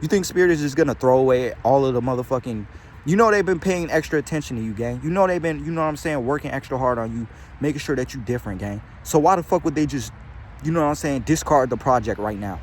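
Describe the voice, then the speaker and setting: Young dude yapping about spirit stuff outside, cusses nonstop, says bro every other line, average pitch, faint traffic behind him. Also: male voice, expressive, quick pace. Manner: rambling, slangy, heavy swearing, calls listeners bro and gang. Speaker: spiritual channeler vlogger. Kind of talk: casual profane spiritual pep talk. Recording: faint outdoor traffic noise.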